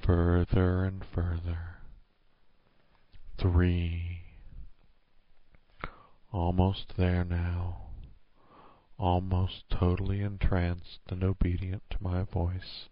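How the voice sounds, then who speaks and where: A man with a very low voice guides a hypnosis induction right in your ear. His delivery is extremely slow and flat, hushed and soothing but commanding. The close recording sounds muffled and dull. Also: no room sound. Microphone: close microphone, dry.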